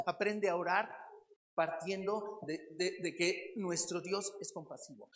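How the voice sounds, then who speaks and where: A Mexican pastor preaching a sermon to his congregation in a conversational way, swinging between loud emphatic lines and quiet low asides, asking questions and repeating words. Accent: Mexican Spanish.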